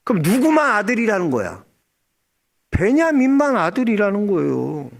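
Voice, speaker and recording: A man's voice: sits high, moderate pace, creaky. A male pastor preaching a Sunday sermon, telling stories and acting out dialogue as he speaks straight to the congregation. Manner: animated storytelling, acts out dialogue, addresses congregation directly.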